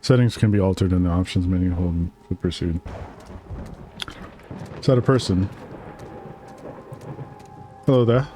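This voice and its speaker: Low voiced dude streaming a game, laid back, reads the text out loud, warm tone. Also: male voice, unhurried, long pauses, slight background noise. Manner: relaxed and chatty, reads game text aloud. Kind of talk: casual let's-play commentary.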